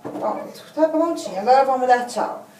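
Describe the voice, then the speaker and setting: A young mother at home after a bath, coaxing her baby in gentle sing-song baby talk. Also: high voice, animated, normal speed. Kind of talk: talking to a baby. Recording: echoey room, far mic, loud noise.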